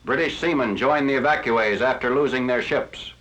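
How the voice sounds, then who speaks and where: A man giving scripted narration for an old 1940s newsreel, in a crisp, formal announcer delivery. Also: mid-range voice, moderate pace, fairly bright tone. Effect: old 1940s newsreel recording. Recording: lo-fi archival newsreel audio.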